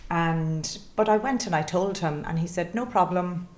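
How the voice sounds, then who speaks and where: A woman's voice: on the low side, moderate pace, a little mellow. A woman in her late forties with a west of Ireland accent, telling her career story conversationally as an interview guest. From Galway, west of Ireland. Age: late 40s. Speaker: interview guest, chief executive.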